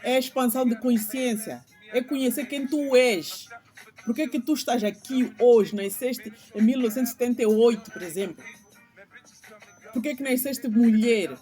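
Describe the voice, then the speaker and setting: A woman's voice: on the high side, moderate pace, warm tone. Middle-aged female vlogger, slight lisp, earnest spiritual preaching, music underneath. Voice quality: slight lisp, tongue-tied speech. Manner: earnest, preaching, rhetorical questions. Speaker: channel host. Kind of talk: spiritual commentary vlog, speaking off the cuff.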